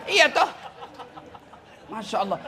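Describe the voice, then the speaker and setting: A man giving a humorous sermon to officials, teasing and lively, often turning to address the audience directly. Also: very high voice, takes it slowly, some chatter behind. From Indonesia. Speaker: preacher.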